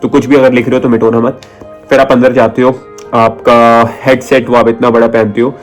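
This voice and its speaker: A man's voice: medium pitch, little pitch movement, brisk, faint music behind. A chatty young man telling stories and giving tips in a casual vlog, often acting out people and sounds. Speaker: vlogger giving exam tips.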